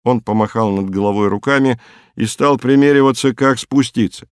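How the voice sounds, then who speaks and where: A man narrating an audiobook in a measured, even reading. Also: mid-range voice, clean tone, no echo, clean studio sound. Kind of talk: scripted narration.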